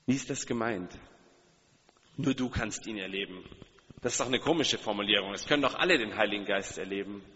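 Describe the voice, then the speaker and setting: A man's voice: on the low side, a little fast, fairly bright tone. Guy preaching a sermon, earnest, keeps repeating lines for emphasis, lots of hall reverb. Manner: earnest, direct questions to listeners, repeated emphatic phrases. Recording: long hall reverb, dull sound.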